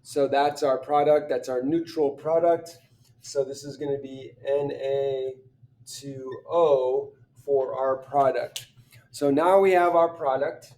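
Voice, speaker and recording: A man working through chemistry practice problems, thinking aloud, often clearing his throat and restarting sentences. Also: medium pitch, fairly even intonation, slow pace, darkish tone, far from the mic. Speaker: chemistry teacher.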